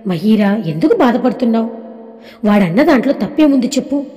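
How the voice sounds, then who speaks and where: A woman's voice: a little high, animated, a little fast, warm tone, soft background music, close to an everyday voice. A woman reading the lines of a caring mother-in-law who fondly scolds her daughter-in-law and son in a storybook tale. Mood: tender. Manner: fond, coaxing scolding. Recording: long reverb.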